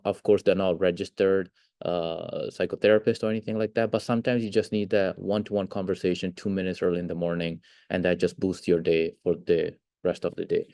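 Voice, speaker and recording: Low, dark-voiced young man. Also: no room sound, clean studio sound. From Italy. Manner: hesitant, many fillers and restarts. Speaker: alumnus interviewee. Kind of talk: casual interview answers.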